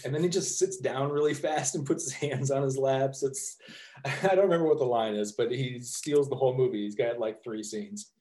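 A man's voice: medium pitch, moderate pace, mellow. Rambling man in an echoey room. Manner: rambling, laughs often, swears casually. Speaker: podcast co-host. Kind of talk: casual chat about a movie.

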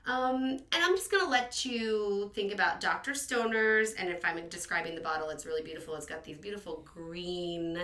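A young woman from Virginia, co-hosting a casual podcast, chatty and quick to laugh at herself. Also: on the low side, fairly bright tone. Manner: chatty, laughing, self-deprecating. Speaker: podcast co-host. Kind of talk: casual chat.

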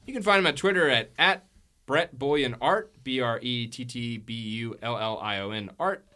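A man running a tabletop game podcast as game master, playful and quick to laugh. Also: medium pitch, bright, forceful tone.

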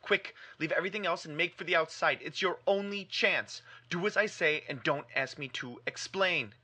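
A man voicing a terrified man trapped underground, crying out frantically in high, strained pleas. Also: moderate pace, pushed and bright, husky. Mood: horrified.

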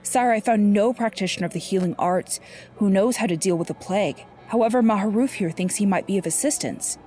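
A woman's voice: medium pitch, fairly quick, warm tone, slight background noise, voice pushed up, close to an everyday voice. Woman doing a worried loyal manservant, urgent, respectful. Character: loyal male servant, anxious and urgent.

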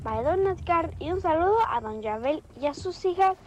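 A woman's voice: very high voice, lively intonation, normal speed. A young schoolgirl giving cheerful greetings and goodbyes on a radio show. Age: child or teenage student. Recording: faint music behind the voice. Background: faint music.

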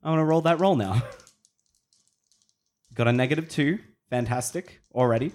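A man playing a tabletop role-playing game, describing his moves casually and haltingly, in fragments. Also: mid-range voice, darkish tone. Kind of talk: casual improvised game play.

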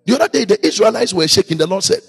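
Male preacher, high husky voice, sing-song chanted sermon with shouted peaks. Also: lively intonation, racing, soft background music.

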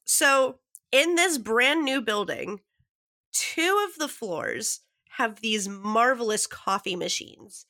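A woman's voice: on the high side, lively intonation, slow, sharp tone. A woman with a nasal voice, stuffed up from a cold, chatting casually as a podcast co-host. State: congested from a cold. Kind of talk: casual chat.

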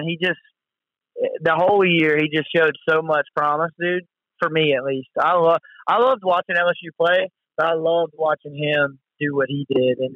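Guy co-hosting sports chat, kinda high voice, super bro-y slang, dry slightly muffled audio. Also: no echo. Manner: bro-ish slang, enthusiastic, repeats himself. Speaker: co-host of a sports talk show.

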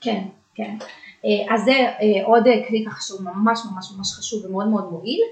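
A woman speaking as a guest confidence coach in a casual podcast conversation, earnest and emphatic, often pausing on filler sounds. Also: mid-range voice, fairly even intonation. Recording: roomy echo.

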